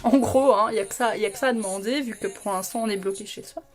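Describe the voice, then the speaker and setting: A woman's voice: mid-range voice, fast talker, soft background music. A young woman doing a live makeup stream from home, chatting with viewers and giggling often. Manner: giggly, bubbly, talks to chat by name. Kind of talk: chatty livestream talk to viewers.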